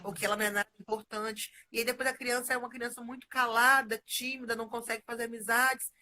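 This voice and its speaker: A woman, a guest in a conversation, explaining her points in a measured way and often ending phrases with a questioning tag. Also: fairly high pitch, level tone, pushed and bright. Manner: measured, explaining, frequent "né?" tags.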